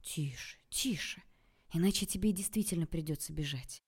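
A woman's voice: deep voice, normal speed, slightly rough. A woman voicing a smug, condescending man who speaks in a lazy, drawling way. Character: smug, mocking male ruler posing as a boyfriend.

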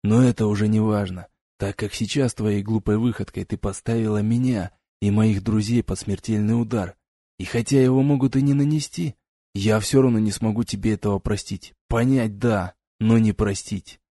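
A man voicing a stern young male warrior in an audiobook, speaking in a cool, measured way. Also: on the low side, fairly even intonation, mellow, dry recording, clean studio sound.

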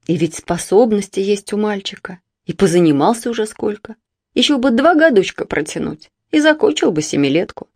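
A woman's voice: medium pitch, animated, brisk, darkish tone, slightly rough, no room sound, clean studio sound, voice pushed up. A woman voicing a worried mother who frets and scolds over her truant son, in a storybook reading. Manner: fretful, scolding, lamenting. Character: anxious mother of a truant boy.

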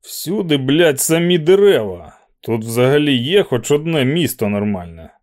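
A man's voice: medium pitch, very animated, moderate pace, a little mellow, natural voice. A man reading an audiobook aloud, voicing a brawny, arrogant young man who swears and picks fights. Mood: angry. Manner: coarse, swearing, belligerent.

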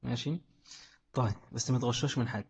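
A man's voice: mid-range voice, fast talker, creaky, a little mellow. A man with an Egyptian accent teaching a classroom lesson, explaining a text and asking questions that he answers himself. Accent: Egyptian Arabic. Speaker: religious studies teacher. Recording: echoey hall, dull lo-fi sound.

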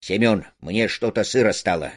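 A man reading a play aloud, voicing a sullen petty crook who speaks gruffly and low. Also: normal speed, natural voice. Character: petty street crook Shapshnev, sullen, threatening.

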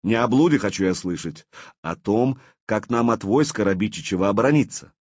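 A man voicing a prince who speaks with measured authority. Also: fairly low pitch, lively intonation, a little mellow, breathy edge, no echo, dull audio. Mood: commanding. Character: cautious commanding young male prince.

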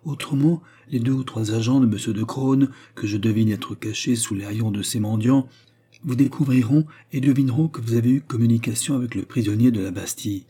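A man doing a hushed, discreet manservant. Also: breathy edge, natural voice. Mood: cautious. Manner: low, hushed and measured. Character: discreet German manservant, calm and guarded.

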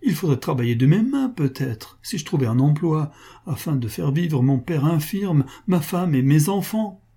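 A man's voice: fairly high pitch, sing-song, moderate pace, mellow, breathy edge. A man voicing an honest male factory owner who refuses firmly but turns anxious and pleading. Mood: panicked. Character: upright male factory owner, frightened debtor.

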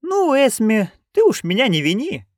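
A man voicing a chatty, gossiping old witch woman who talks in a high, fussy voice. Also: huge pitch swings, moderate pace, dry recording, clean studio sound, full character voice. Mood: coaxing.

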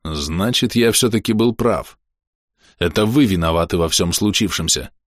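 A man's voice: deep voice, no echo, studio quality. A man doing a cold calculating man. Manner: cold, measured.

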